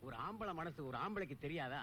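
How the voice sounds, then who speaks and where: An actor playing a sly middle-aged village friend in comic film dialogue, with teasing, knowing banter. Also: male voice, a little high, lively intonation, fairly quick, bright, forceful tone, slight background noise.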